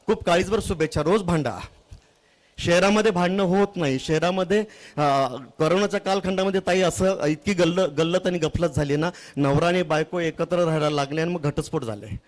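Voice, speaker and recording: High-voiced man telling stories to an audience. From Maharashtra, India. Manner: humorous, talks straight to audience members, quick asides; earnest, pleading appeals. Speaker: poet performing for a live audience. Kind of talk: spoken storytelling between sung poems.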